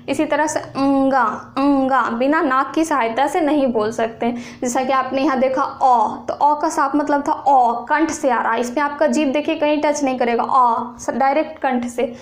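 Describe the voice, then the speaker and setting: A young woman with a Bihari accent teaching a grammar lesson, repeating rules slowly and asking the viewer questions. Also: sits high.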